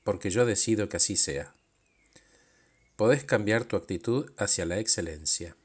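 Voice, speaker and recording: A man, a coach narrating and asking calm, reflective questions. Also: fairly low pitch, normal speed, breathy edge.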